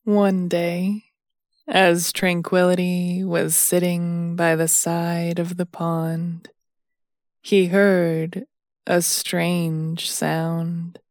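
A woman narrating a sleep story in a slow, soothing bedtime manner. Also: lowish voice, level tone, a little mellow, no room sound, clean studio sound.

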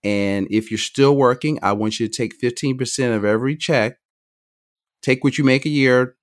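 A middle-aged man speaks at a middle pitch in an energetic podcast interview. He talks fast and jumps from point to point, and often restarts his sentences mid-thought. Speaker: financial advisor, podcast guest.

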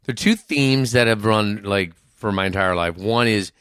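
A middle-aged man with a lowish voice tells his stories frankly and with self-mocking humor, cursing casually as he goes. The sound is close and dry, with no room around it. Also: moderate pace, a bit bright, clean tone, dry recording. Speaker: podcast guest, author. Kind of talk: candid conversational storytelling.

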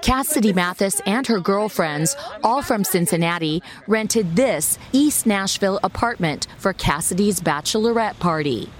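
Mid-pitched female TV news reporter. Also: animated, moderate pace, few pauses, slight background noise. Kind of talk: scripted news report narration.

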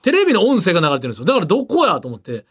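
Animated high-pitched man with a Kansai accent. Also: rapid-fire, slightly rough. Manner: animated storyteller, acts out voices. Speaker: radio show co-host. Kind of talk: casual chat.

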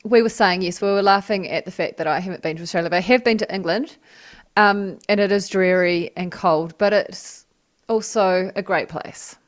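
A woman's voice: medium pitch, moderate pace. A woman hosting a podcast, chatting casually with a guest and laughing often. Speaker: podcast host. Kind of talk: casual interview chat.

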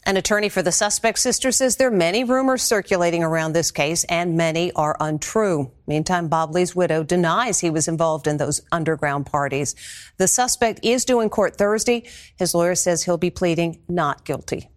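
Lower-voiced American woman news anchor. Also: normal speed. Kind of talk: scripted news presenting.

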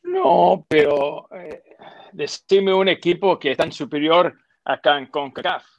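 Man, football pundit, fillers, emphatic, slightly high voice, dry studio sound. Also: expressive, unhurried, vocal fry, dry recording, highs cut off. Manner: emphatic, repeats points, mixes English fillers like "so" and "yeah". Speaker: football pundit, former player. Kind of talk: studio sports panel discussion.

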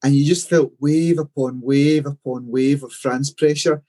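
A man's voice: medium pitch, steady tone, measured pace, mellow. A man on a sports podcast, recalling matches in a reflective, storytelling way, full of fillers. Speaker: podcast co-host. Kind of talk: casual sports podcast chat.

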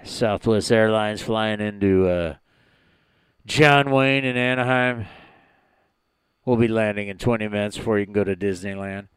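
Guy putting on a deep airline pilot cabin announcement voice, slow with lots of uhs, crisp and dry. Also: no room sound, lightly acted. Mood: deadpan announcing. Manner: slow, drawling announcer delivery with long "uh" pauses. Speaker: sports radio host. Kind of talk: comic bit in casual sports chat.

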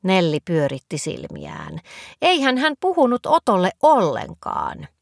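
A woman narrating a children's story in a gentle, expressive reading voice. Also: lowish voice, creaky, no room sound.

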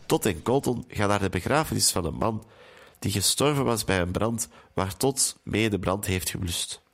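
A man calmly retelling a film's story as narrator. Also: fairly low pitch, moderate pace.

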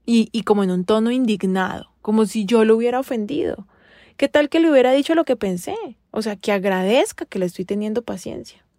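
A woman's voice: on the high side, brisk, dark tone, no room sound, clean studio sound. A woman in a casual monologue, venting to other women with rhetorical questions and wry exasperation. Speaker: vlogger addressing women.

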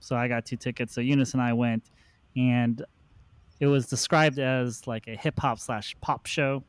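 A man hosting a podcast, telling a relaxed anecdote in casual chat and laughing along. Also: medium pitch, normal speed, clean tone, dry recording. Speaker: podcast host.

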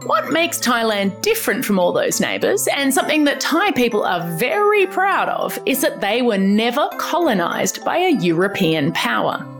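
A woman's voice: a little high, very animated, normal speed, hardly any pauses, over music. A woman with an Australian accent, host of a children's podcast, giving an upbeat, scripted explainer aimed at young listeners. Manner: bright, upbeat storytelling. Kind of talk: scripted educational narration for children.

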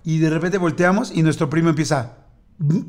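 A man with a Mexican Spanish accent, a podcast host telling a family story in casual chat, acting out voices with shouts and laughter. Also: on the high side, fast talker.

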